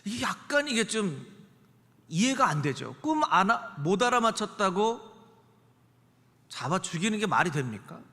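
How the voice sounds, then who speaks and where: A male pastor preaching a sermon in an animated way, dropping his voice to act out the characters in the story. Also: normal speed, long pauses. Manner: animated, acts out dialogue in lowered voice. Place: church sanctuary. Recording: reverberant church sanctuary.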